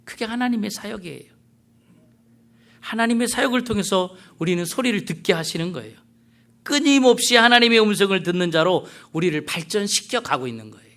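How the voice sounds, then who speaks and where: A middle-aged man preaching a sermon as pastor, earnest and conversational, with soft asides. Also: high-pitched, expressive, brisk.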